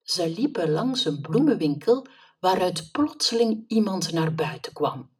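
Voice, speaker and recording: Slow, husky woman reading a story. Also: lowish voice. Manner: calm, steady storytelling. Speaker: narrator. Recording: voice somewhat distant from mic.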